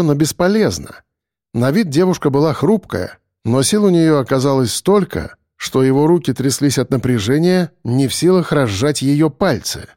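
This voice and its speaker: A man narrating a dark audiobook in a dramatic, expressive way. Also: on the high side, no echo, clean studio sound.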